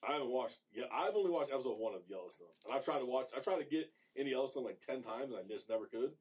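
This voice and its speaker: A man's voice: mid-range voice, lively intonation, very fast, darkish tone, husky. A man in his thirties co-hosting a podcast, laid-back and jokey, rambling in casual chat. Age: 30s. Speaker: podcast co-host.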